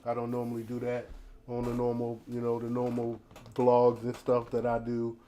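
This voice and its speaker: A man's voice: mid-range voice, completely flat delivery, moderate pace, mellow. An American man hosting a laid-back, casual commentary livestream, his speech slightly impeded by a teeth grill. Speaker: host of a news commentary livestream. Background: ambient noise, storm outside.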